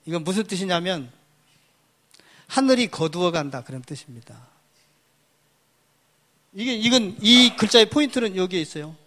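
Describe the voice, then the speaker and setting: A man with a high voice delivers a public lecture, walking through each character piece by piece. He points at the board as he goes and often poses a question, then answers it himself. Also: fairly bright tone. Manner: asks and answers his own questions.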